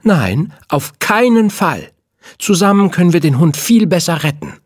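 A man voicing a bossy, know-it-all girl in a read-aloud children's story, speaking in a lecturing, brisk way. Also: high voice, sing-song, no echo, studio quality, voice pushed up, full character voice. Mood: insistent.

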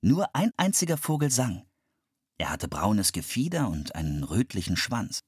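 A man reads a children's story aloud with great expression. His pitch rises and falls constantly. The voice has a husky grain and the sound is dry and close. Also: normal speed, no room sound. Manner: lively, expressive narration.

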